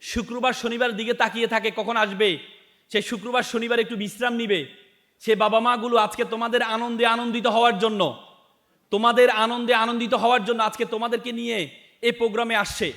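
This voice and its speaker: A man's voice: extremely high pitch, little pitch movement, a little fast, a bit bright. A man giving an impassioned motivational speech to students and parents, repeating phrases for emphasis. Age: adult, has lost his father. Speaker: motivational speaker.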